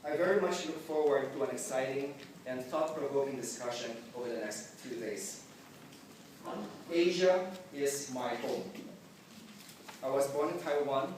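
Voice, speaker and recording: A man raised in the Philippines delivers a measured, formal welcome speech at a mid pitch. His voice reaches the mic from a distance and rings out through a very echoey hall. A faint hum of room sound sits behind him. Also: expressive, darkish tone. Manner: measured, deliberate delivery with occasional slips. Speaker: forum organizer giving welcome remarks. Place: large conference hall.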